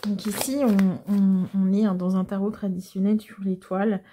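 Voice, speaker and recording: A woman giving a casual tarot reading to viewers, explaining the cards gently and hesitantly with frequent pauses. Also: medium pitch, level tone, a little hiss or hum. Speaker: tarot card reader.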